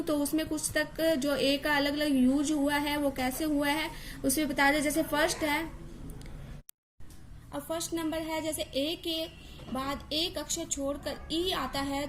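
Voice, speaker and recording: A woman's voice: sits high, a little hiss or hum. A woman teacher explaining English pronunciation, repeating words and spelling out letters to drill each sound.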